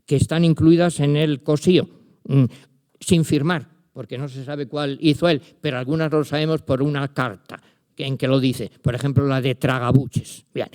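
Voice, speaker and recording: A slightly mellow, mid-range male voice with fairly even intonation and a normal speed belongs to an older literature professor from Spain. Presenting a book in a lecture, he speaks directly to his audience in a Spanish accent and recites verse emphatically.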